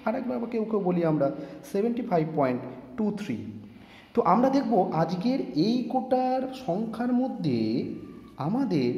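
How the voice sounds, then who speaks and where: A man's voice: high voice, warm tone. A man teaching a math lesson to students, speaking straight to them and explaining each step, repeating numbers. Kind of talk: classroom math lesson video. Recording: echoey room with long reverb, faint noise.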